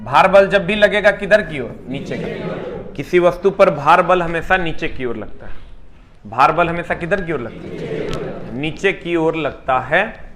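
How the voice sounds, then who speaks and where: A man's voice: fairly high pitch, animated, a little slow, fairly bright tone, soft background music. A man teaching a live online class, chatty and teasing, firing rhetorical questions at students.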